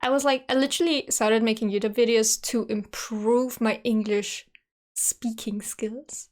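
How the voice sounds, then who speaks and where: Reacting to her own past video on stream, a twenty-something woman with a German accent keeps things casual, peppered with "like" and plenty of laughter. Her voice is a little high, her tone steady, her pace measured. The audio comes through a USB studio mic.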